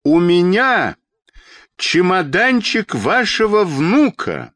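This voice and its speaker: A man voicing a desperate male children's doctor in a storybook reading, calling out in a loud, pleading way. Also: high voice, wildly swooping pitch, takes it slowly, no room sound, pitched above the performer's own voice, heavily acted.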